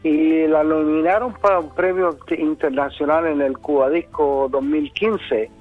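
A man's voice: a little high, fairly even intonation, a little slow, narrow, tinny audio, soft background music. A man from Chile with a Caribbean, Cuban-sounding Spanish accent, telling anecdotes casually as a musician guest in a radio interview.

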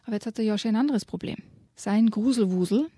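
A woman reads from a children's book and retells its story in a lively way. She sometimes drops to a whisper for suspense. Her voice is dark and husky, recorded dry and close. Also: mid-range voice, fast talker, no echo. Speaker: guest presenting a children's book. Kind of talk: reading aloud and retelling a story.

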